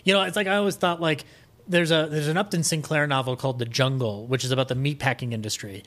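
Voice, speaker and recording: A man speaks fast at a medium pitch, with fairly even intonation and a slightly bright sound. As a podcast guest in a casual, opinionated chat about music and film, he is emphatic and enthusiastic, frequently restarting mid-thought.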